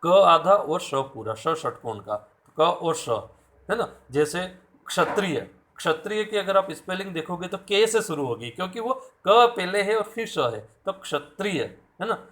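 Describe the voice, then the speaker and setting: A man's voice: high voice, lively intonation, unhurried, a bit bright. A man teaching a class, patiently spelling out sounds and asking his students questions. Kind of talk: classroom lecture.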